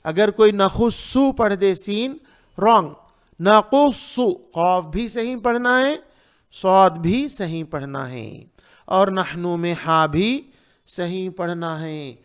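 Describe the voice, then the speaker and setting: A man with a Hyderabadi Urdu accent teaching Quran tajweed, reciting verses slowly and then quickly explaining the sounds. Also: high-pitched, clear, resonant tone. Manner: slow drawn-out recitation alternating with quick explanations. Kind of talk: tajweed lesson, reciting and correcting.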